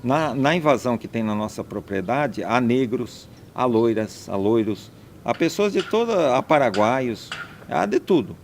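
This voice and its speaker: In this conversational interview, a landowner speaks with emphasis, piling up points and going back over them. His mid-range voice is expressive and a little slow, with slight noise in the background.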